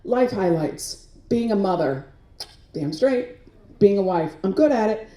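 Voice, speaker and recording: An animated woman delivers an acceptance speech in a large banquet hall, swinging her voice widely as she acts out old conversations. Her tone is mellow and low in brightness. She sounds a little distant in a roomy, echoing space. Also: a little slow. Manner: animated storyteller, acting out quotes, laughing. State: near tears at times. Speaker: award honoree giving acceptance speech.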